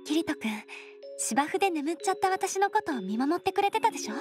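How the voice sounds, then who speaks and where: A woman voicing an affectionate, gently bashful young girlfriend in soft, intimate pillow talk for a Japanese anime game. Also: very high voice, very animated, fast talker, over music. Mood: tender.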